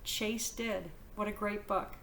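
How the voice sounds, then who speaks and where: A woman reads a novel aloud to her class with lively, expressive storytelling. Her voice is bright and clear, pitched in an ordinary middle range for a woman. She sounds like a teacher sharing a book. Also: takes it slowly, slight background noise.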